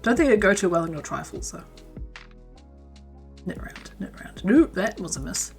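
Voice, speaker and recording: Her mid-range voice is gravelly, moving at a normal speed but swinging widely in pitch, with faint music playing behind. The New Zealand woman rambles casually through her crochet livestream, answering messages from chat and under her breath tallying stitches.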